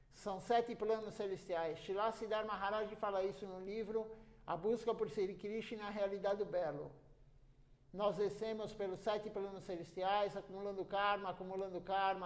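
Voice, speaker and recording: A man preaching in a temple class, earnest and repeating phrases for emphasis. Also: sits high. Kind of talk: sermon.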